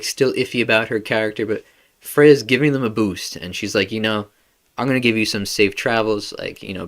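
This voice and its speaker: A man's voice: lowish voice, a bit bright. A man hosting a podcast, talking casually about a video game in a slangy, laid-back way full of "like" and "bro". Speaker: podcast host.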